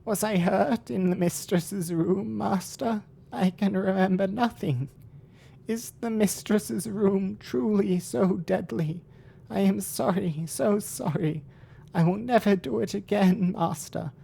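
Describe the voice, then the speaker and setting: A man voicing a frightened, pleading servant creature from a fantasy game, with a quavering, bleating goat-like voice and drawn-out words. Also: sits high, creaky, dark tone, slightly rough, pitched above the performer's own voice, exaggerated voice. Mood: remorseful, begging.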